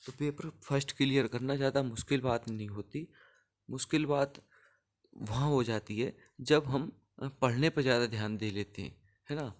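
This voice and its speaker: A man's voice: medium pitch, moderate pace. A young man coaching students for a clerical exam in a casual, conversational teaching style, often checking that they follow along. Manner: conversational, keeps asking for agreement. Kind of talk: casual Hindi tutoring talk.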